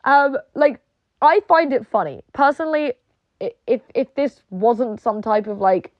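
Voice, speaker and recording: Speaking at a measured pace in a high-leaning, animated voice, a young woman who relocated to England and picked up a British accent rants casually. She swears a lot, fills her speech with "like," and mockingly quotes the people she argues with, all in lo-fi sound with no room sound.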